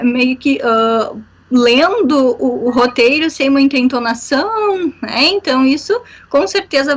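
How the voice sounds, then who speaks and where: A woman teaches a workshop over a video call. Her voice sits high, and she explains things patiently, dotting her sentences with fillers and a questioning "né?". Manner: explanatory, many fillers, frequent "né?". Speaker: workshop instructor. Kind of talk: online workshop lecture.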